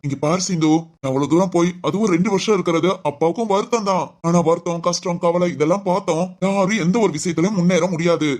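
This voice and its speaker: A woman's voice: lowish voice, darkish tone, close to an everyday voice. A woman playing a caring middle-aged dad. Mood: reassuring. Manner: fast, soothing, reassuring. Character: caring middle-aged father, gentle and encouraging. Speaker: father in a family drama. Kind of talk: amateur village family drama.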